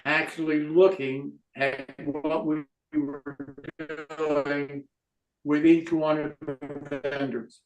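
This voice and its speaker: A man's voice: a little high, slow pace, dull audio. A man talking in a casual online meetup discussion, his video call audio glitching and breaking up as he rambles and repeats words. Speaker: model railroad club member in online meetup. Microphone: computer mic on a video call.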